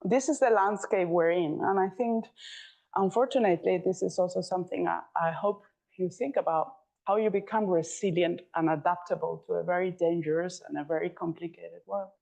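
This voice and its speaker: A woman's voice: lowish voice, fairly even intonation, a little fast, vocal fry, darkish tone. A woman in her fifties from the Canary Islands with a Spanish accent, giving a keynote talk, telling her own story with frequent restarts and fillers. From Spain, Canary Islands. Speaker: keynote speaker.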